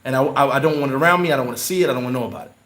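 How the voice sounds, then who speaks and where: A man's voice: mid-range voice, racing, a bit bright. Casual chatty man in a roomy echo. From New York. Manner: loose, rambling, repeats words when heated. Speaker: livestream host answering chat. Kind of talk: casual livestream chat.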